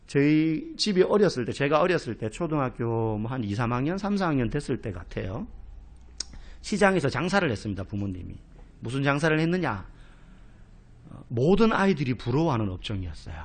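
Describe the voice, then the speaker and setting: Animated high-voiced male pastor preaching. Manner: animated storytelling, acts out quoted speech. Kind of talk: expository sermon with personal stories. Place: church sanctuary.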